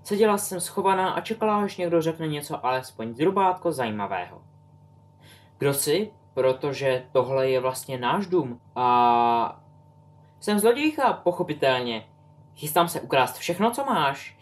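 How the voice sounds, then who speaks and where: A man's voice: on the high side, big pitch swings. A man voicing a young woman in her twenties, an eager, talkative and tactless witch. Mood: playful.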